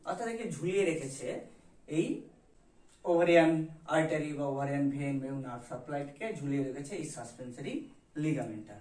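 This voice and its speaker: A man's voice: a little high, a little fast, a little mellow. A man teaching biology over a diagram, asking and answering his own questions and mixing English terms into his explanation. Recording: roomy echo, voice from a distance.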